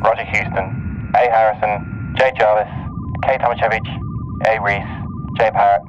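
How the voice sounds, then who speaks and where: A man's voice: lowish voice, level tone, measured pace. Man on crackly space mission radio. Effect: crackly space mission radio transmission. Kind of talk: clipped radio procedure calls. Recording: dull lo-fi archive radio with hiss.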